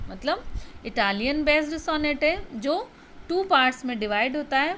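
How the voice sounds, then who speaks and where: A woman's voice: sits high, a bit bright, a little hiss or hum. A woman college lecturer with an Indian English accent explaining poetry to students, patient and explanatory, repeating key terms.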